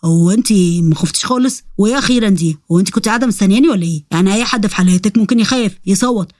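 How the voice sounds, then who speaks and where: A woman's voice: medium pitch, very fast, a little mellow, no echo, pitched below the performer's own voice, close to an everyday voice. A woman with an Egyptian accent voicing a clumsy young male demon, grumbling and indignant. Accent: Egyptian Arabic.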